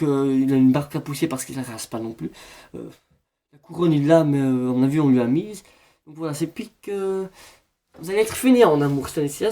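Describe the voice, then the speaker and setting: A man's voice: a little high, mellow. A man doing a parody horoscope reading, rambling in a mock-solemn fortune-teller manner. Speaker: comedian.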